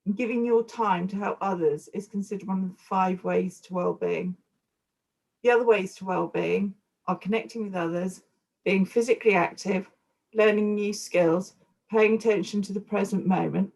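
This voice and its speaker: A woman hosting a live online session as volunteer coordinator, friendly and steady with some fillers, on a video call. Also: mid-range voice, normal speed, gravelly, rough recording.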